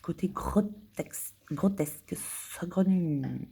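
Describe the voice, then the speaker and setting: A French woman vlogger thinks aloud in a casual monologue, muttering and whispering to herself as she hunts for words, breaking into indignant outbursts. Her voice is on the low side, slow, creaky, warm, and husky.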